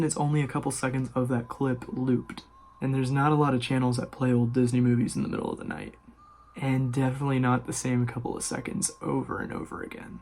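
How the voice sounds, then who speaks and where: A man with a medium-pitched, slightly mellow voice hosts a scary-story video as a horror YouTuber. He narrates informally and addresses his viewers directly.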